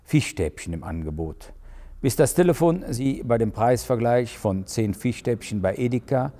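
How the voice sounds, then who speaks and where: A male crime author reading aloud from his own novel in a lively, expressive way. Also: medium pitch, moderate pace, long reverb tail.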